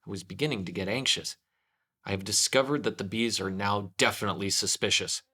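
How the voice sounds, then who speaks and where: Storybook toy bear voiced by a man: earnest, a bit dim, deliberating gravely, bright-toned. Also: lowish voice, a little fast. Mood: practical, earnest. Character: earnest, scheming, slightly foolish male toy bear. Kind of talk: children's storybook read-aloud.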